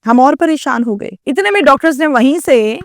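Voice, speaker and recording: A woman's voice: sits high, expressive, no room sound, studio quality. A woman narrating a true story in the first person, dramatic and acting out the quoted dialogue.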